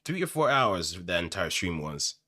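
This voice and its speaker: Very animated at a normal speed, a man with a low, pushed and bright voice chats to viewers in a hesitant, rambling way while thinking aloud. He is an aspiring amateur voice actor on a close studio mic, with a dry, echo-free sound.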